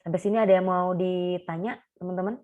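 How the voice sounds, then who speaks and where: A young woman with a slightly low voice gives a casual talk to a group. She is chatty and animated, slipping into little acted-out quotes to make her points. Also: a little fast, narrow, tinny audio. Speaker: speaker at a sharing session.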